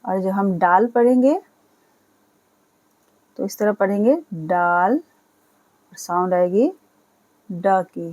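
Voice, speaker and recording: A woman gives a slow beginner alphabet lesson, naming each letter and then repeating the sound it makes. Her voice is mellow and warm, and she takes her time over every word. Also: medium pitch, rough recording. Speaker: Urdu teacher.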